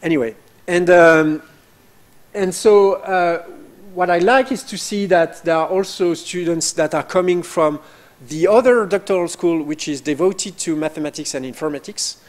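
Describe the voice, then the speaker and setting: A man with as his presenting a doctoral program at an information session, halting with frequent fillers. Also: on the high side. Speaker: program director.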